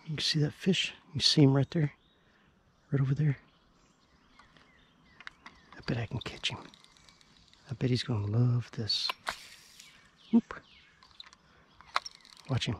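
A man fishing on a riverbank at dawn narrates casually for his vlog, his mid-range voice slow and broken by long pauses. The camera mic carries a little hiss or hum, along with faint birdsong and outdoor ambience.

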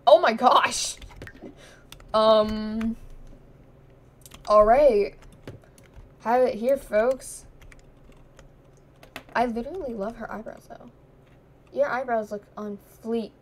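Speaking slowly and steadily with long pauses, a gaming streamer with a slightly high voice giggles through casual commentary on a life-sim game, chatting to its characters. She's a young woman losing her voice, and there's a little hiss or hum in the audio.

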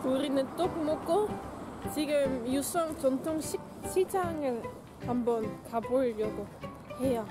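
A woman vlogger chatting casually about food, talking through a partly full mouth, with relaxed fillers. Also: high-pitched, slow. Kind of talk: casual food vlog chat. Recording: loud music behind voice.

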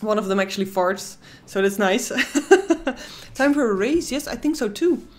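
Her voice is on the high side, with lively intonation and a measured pace. She's a young woman from the Netherlands with a Dutch accent, co-hosting a live casino stream where she chats with viewers, reads their messages aloud, reacts to the game and squeals at wins.

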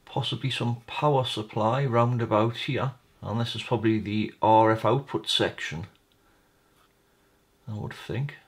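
A man with a lowish voice hosts a repair video from an indoor workbench, speaking at an unhurried pace with fairly even intonation. He casually narrates what his hands are doing, thinking aloud in a tentative way.

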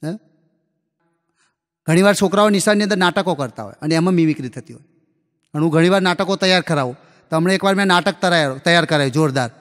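Man, live stand-up comedian, acts out dialogue, high voice, long reverb of a hall. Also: a bit bright. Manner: folksy anecdotal delivery, acts out dialogue. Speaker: stand-up comedian telling school jokes. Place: live comedy stage before an audience.

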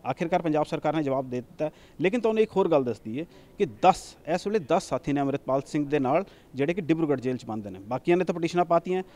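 A male news reporter, delivering a rapid on-the-spot report with occasional fillers and restarts. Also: fairly high pitch, darkish tone.

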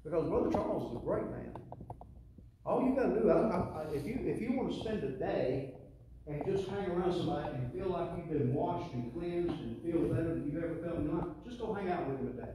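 This middle-aged pastor with a Southern US accent preaches to his congregation in a folksy, emphatic style, repeating phrases and calling for responses. His voice is on the high side, expressive and a little fast. Filmed from the pews in a church sanctuary, his handheld mic runs through an echoey PA that sounds distant, with faint noise.

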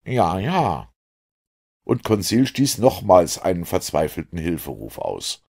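A man reads an adventure story aloud in a low, husky voice. His delivery is dramatic and expressive, with a lot of rise and fall in his intonation. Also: moderate pace. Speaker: audiobook narrator. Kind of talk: dramatic audiobook narration.

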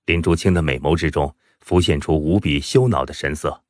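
A man's voice: rumbling low, brisk, no echo, studio quality. A man narrating a fantasy web novel as an audiobook reader, in a dramatic, emphatic storytelling manner.

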